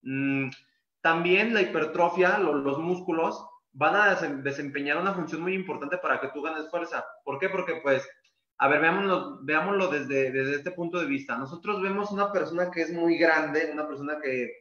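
Male fitness coach, bright tense voice, slightly higher pitch, roomy lo-fi take. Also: normal speed. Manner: casual, repeats words, fills with "pues". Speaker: calisthenics coach. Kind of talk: masterclass explanation. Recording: echoey room, dull lo-fi sound.

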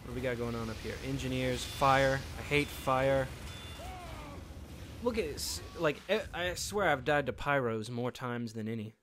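This gameplay commentator has a medium-pitched, slightly bright voice and keeps a moderate pace, with a little hiss or hum in the recording. He rambles through a casual let's-play, joking and chatting to himself as he plays.

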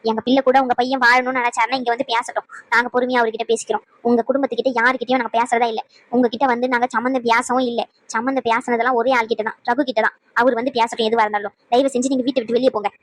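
A woman's voice: on the high side, flat delivery, rapid-fire, dry recording, close to an everyday voice. A woman voicing a stern, protective mother in a cartoon who scolds her in-laws indignantly. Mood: scolding. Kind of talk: cartoon voice acting.

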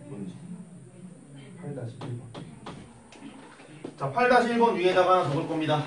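A young man teaching math in a classroom, telling an animated story and acting out the voices. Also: fairly high pitch, moderate pace, a little hiss or hum. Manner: animated, acts out voices while telling stories. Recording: echoey room, mic at a distance.

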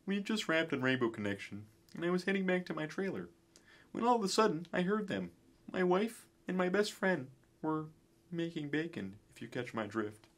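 A man's voice: fairly high pitch, very animated, normal speed. A man playing a bitter, self-pitying celebrity frog in a mock documentary interview, theatrical and aggrieved. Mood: bitter, confiding.

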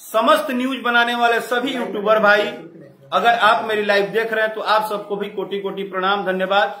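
High-pitched guy with a bhojpuri accent on a live stream thanking fans, echoey, a bit of hiss. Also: fairly even intonation, moderate pace. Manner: thanks fans warmly and repeatedly. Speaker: singer hosting a live stream. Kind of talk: casual live-stream chat. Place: at a film shoot.

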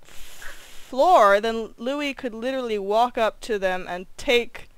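A woman's voice: fairly high pitch, slow, clean tone, dry recording, poor audio. A young woman running a casual online voice call with her cast, laughing often and thinking aloud. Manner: giggly, chatty, thinking aloud. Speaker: student animator running a voice cast meeting. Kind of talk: casual group chat.

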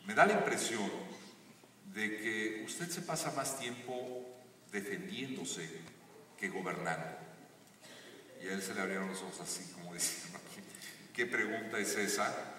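A man giving an earnest, motivational talk on a theater stage, building to emphatic high points, recorded from the audience. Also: a little slow, pauses often, bright, forceful tone, slight background noise. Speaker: guest speaker on a live stage talk. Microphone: stage PA, recorded from the audience seats. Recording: echoey theater audio from far off.

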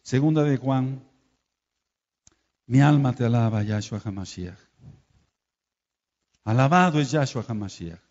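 A man with a Mexican Spanish accent preaching a sermon, firing rhetorical questions and swinging between quiet and loud. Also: mid-range voice, a little slow, long pauses. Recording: dull lo-fi sound with long hall reverb.

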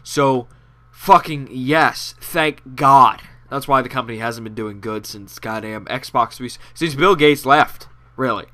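Young man, nasal, profane, sarcastic, rambling gameplay commentary, mid-pitched, bright tone. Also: moderate pace, hardly any pauses. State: out of breath. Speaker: gaming commentator.

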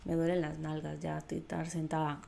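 A woman's voice: deep voice, little pitch movement, moderate pace, creaky, mellow, a little hiss or hum. A woman reading a comic aloud and reacting emotionally in between, in a chatty, personal way. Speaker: comic reader.

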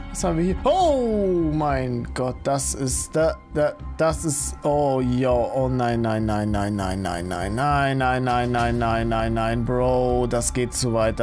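A man giving scared, jumpy commentary on a horror-themed game, swinging between high panicked yells and low fearful muttering while talking to his viewers. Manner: keeps talking to viewers as friends. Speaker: gaming YouTuber.

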